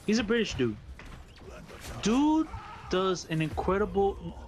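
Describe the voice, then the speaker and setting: A Brooklyn man with a New York accent, chatting on a gaming stream, excitable and laughing, repeating words and calling people "bro". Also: high-pitched, slow. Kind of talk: casual gaming stream chat.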